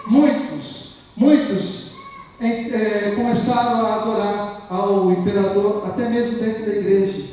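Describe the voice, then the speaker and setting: High-voiced Brazilian preacher in echoey church. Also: male voice, darkish tone. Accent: Brazilian Portuguese. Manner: fervent, repeats phrases for emphasis. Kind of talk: sermon. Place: church hall. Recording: echoey church hall, far from mic.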